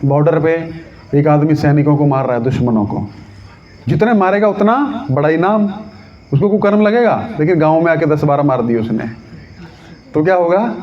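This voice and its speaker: A man giving a devotional scripture talk, telling stories lively, acting out voices and asking his listeners questions. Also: on the high side, moderate pace. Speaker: Gita lecturer. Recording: dull lo-fi recording.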